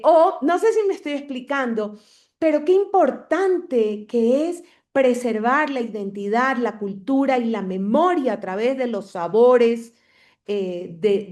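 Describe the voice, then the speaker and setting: A woman's voice: a little high, darkish tone. A woman hosting a podcast interview, asking questions in a hesitant way and searching for her words. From Ecuador. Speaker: podcast host.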